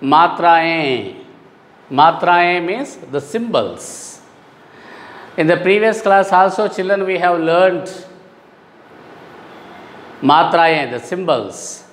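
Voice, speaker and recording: A man teaching a recorded lesson to young children, explaining slowly and repeating sounds aloud. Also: fairly high pitch, animated, a bit bright, in a large hall.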